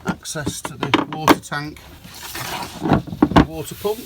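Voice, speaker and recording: Speaking slowly in a slightly high voice, a UK motorhome dealer and reviewer leads a chatty walkaround tour, greeting viewers as folks. He records inside the motorhome on a handheld camera mic while it rains outside, and the audio is very noisy.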